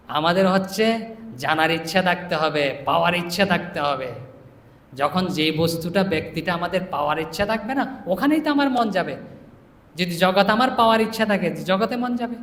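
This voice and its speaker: A middle-aged male monk giving a devotional sermon, explaining scripture word by word, chanting verses slowly and often asking listeners whether they understood. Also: sits high, animated, fairly bright tone. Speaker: monk preacher. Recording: echoey hall reverb.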